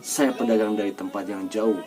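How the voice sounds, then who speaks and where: A fierce bandit leader barks his lines roughly in a lowish voice, as a man reading a storybook puts him on. Music plays in the background. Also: steady tone, normal speed, close to an everyday voice. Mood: cowed.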